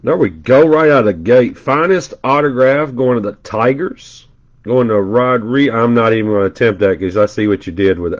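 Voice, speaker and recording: With the highs cut off in the recording, a congested man's mid-range voice comes through as he does casual live commentary at an indoor table. He's opening trading card packs, calling out player names and tossing in chatty asides.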